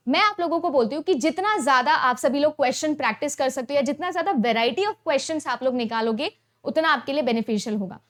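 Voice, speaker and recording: A young woman teaching an exam-prep lesson, explaining step by step and often checking in with her students. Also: high voice. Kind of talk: Hindi-English mixed lecture.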